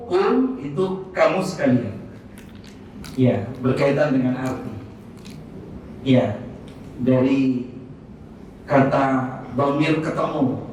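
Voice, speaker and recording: Religious teacher, male, slow and deliberate, sing-song recitation; roomy hall sound, mic set back. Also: a little high. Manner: explains slowly, recites Arabic with melody. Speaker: religious teacher answering questions. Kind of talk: Islamic study talk, Q&A. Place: hospital hall. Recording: echoey hall, distant mic, faint noise.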